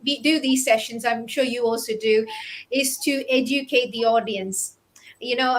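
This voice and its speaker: Higher-voiced woman host, "you know" fillers. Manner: warm filler-heavy host, says "you know" a lot. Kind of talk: casual interview hosting.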